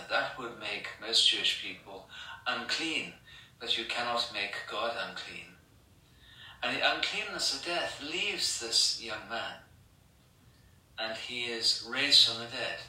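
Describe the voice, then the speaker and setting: Slow, bright-voiced English priest in a church. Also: male voice, medium pitch. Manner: measured, repetitive rhetorical questions and lists. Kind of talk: sermon. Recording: echoey church from far off.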